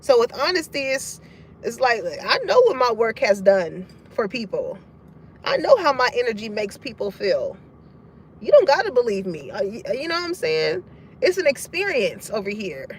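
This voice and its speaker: A woman's voice: on the high side, huge pitch swings, moderate pace, slight background noise. A woman giving a casual tarot reading to her collective audience, frank and profane, laughing often as she talks. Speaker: tarot card reader.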